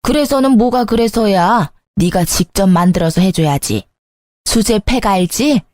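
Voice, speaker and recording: Woman playing a vain older mother-in-law, bossy, scolding, mellow tone, dry close recording. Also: medium pitch, lively intonation, measured pace, no room sound, close to an everyday voice. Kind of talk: storytelling voice acting.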